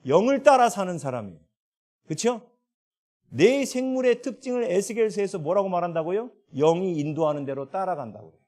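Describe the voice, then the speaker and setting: A man's voice: high voice, a little fast. A man preaching a sermon as pastor, asking the congregation question after question and answering them himself. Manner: lively rising and falling delivery.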